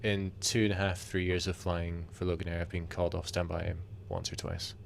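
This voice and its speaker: A man's voice: sits low, level tone, vocal fry, slight background noise. A man, an airline pilot, chatting casually and easily about his work with a British accent. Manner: easygoing, chatty, quick laughs. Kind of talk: casual chat.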